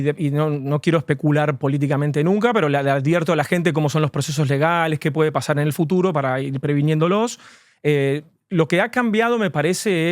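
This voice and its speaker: An immigration lawyer answers interview questions earnestly and at length, frequently using fillers. His voice sits on the high side, and the studio-quality recording has no echo.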